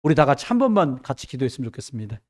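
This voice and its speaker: A male pastor giving an emphatic, conversational sermon, swinging between loud exclamations and hushed asides and often addressing the congregation. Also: mid-range voice, very animated, very fast. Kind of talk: Friday evening sermon.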